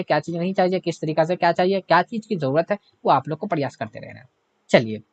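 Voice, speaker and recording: Male grammar teacher, high voice, repetitive self-answering questions, dull dry recording. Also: dry recording. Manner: asks the class questions and answers them himself; repetitive, keeps adding "hai na". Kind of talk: online grammar lesson.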